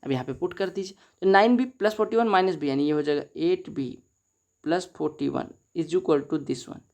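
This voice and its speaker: A man's voice: fairly high pitch, normal speed, a little mellow. A male maths teacher giving an exam-prep lesson, talking each sum through step by step in a chatty way and calling his students brother. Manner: chatty, steps through sums aloud, calls students brother.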